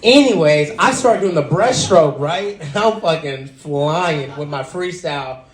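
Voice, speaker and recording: Animated young man telling a stand-up story. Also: a little slow, reverberant. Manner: animated, acts out quotes with big pitch jumps. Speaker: stand-up comedian.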